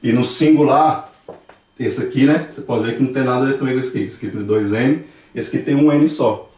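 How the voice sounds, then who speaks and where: A man with a Brazilian Portuguese accent gives a language lesson in a church classroom, patiently explaining and repeating examples aloud. His mid-range voice is brisk and somewhat dark in tone. The room echoes, and the mic sits at a distance.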